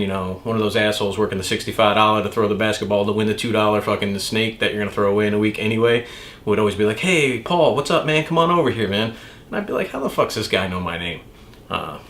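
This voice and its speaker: A tattoo artist telling a rambling, profane story in a casual, chatty way. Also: male voice, fairly low pitch, a bit bright, slight background noise.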